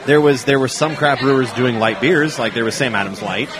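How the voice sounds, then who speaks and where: A man hosts a casual podcast chat outdoors at a brewery, upbeat and laughing often as he talks in long runs. His medium-pitched voice is a little fast, with a noisy crowd chattering behind him.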